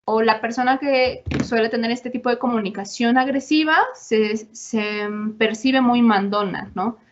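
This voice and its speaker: A woman with a Mexican accent giving a relaxed lecture, talking conversationally and acting out little quoted exchanges. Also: fairly high pitch, unhurried. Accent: Mexican Spanish. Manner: conversational, acts out quoted voices, frequent tag questions. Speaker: university lecturer. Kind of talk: informal lecture. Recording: dull lo-fi audio.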